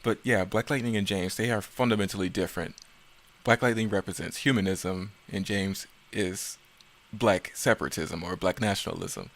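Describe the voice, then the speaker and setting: A man with a lowish voice speaks at a moderate pace with fairly even intonation. He is a video creator offering casual, unscripted commentary, rambling along, often correcting himself and stumbling over words.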